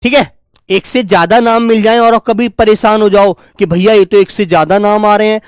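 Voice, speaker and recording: A man teaching a grammar lesson, dictating slowly and repeating phrases word by word, fondly reassuring his students. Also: high-pitched, fairly even intonation, smooth, dry recording, clean studio sound. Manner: fond, reassuring, calls students "dear children". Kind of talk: classroom lesson with slow dictation.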